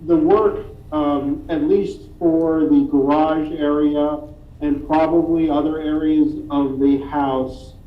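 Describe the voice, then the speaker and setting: A council member calling in remotely, speaking in a halting, apologetic way, with his volume rising and dropping unevenly over the line. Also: fairly high pitch, steady tone. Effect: uneven volume, level rising and dropping. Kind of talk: questioning at a public meeting. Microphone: remote call audio. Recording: tinny echoey remote call line with faint hiss.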